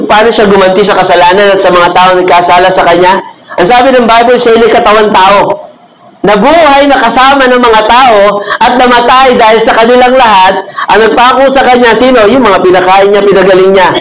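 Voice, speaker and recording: A man with a high voice preaching to a small group, moving between Tagalog and English and slowing on the words he wants to land. The room is echoey and carries a faint hum of ambient noise. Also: fairly bright tone. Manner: switches between Tagalog and English, slows to stress key phrases. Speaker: cell group leader. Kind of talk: sermon.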